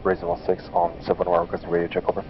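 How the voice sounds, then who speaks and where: A man's voice: sits low, completely flat delivery, racing. A man calling in over a radio with static bursts as a ground squad leader, using clipped military radio procedure with hesitant fillers. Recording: lo-fi radio sound with faint hiss.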